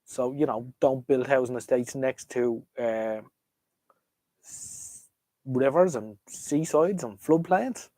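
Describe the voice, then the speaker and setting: A man from Ireland chats slowly in a dark, mid-range voice while hosting a livestream on vintage radios for his viewers. Casual and rambling, he's hesitant but opinionated, trailing off and bouncing between thoughts, and the audio has no echo.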